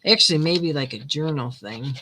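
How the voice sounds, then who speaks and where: A woman's voice: deep voice, normal speed, bright, forceful tone. Chatty older woman crafting, background noise. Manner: chatty, rambling, laughs often. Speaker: craft livestream host. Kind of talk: casual chat while crafting. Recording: noisy home recording.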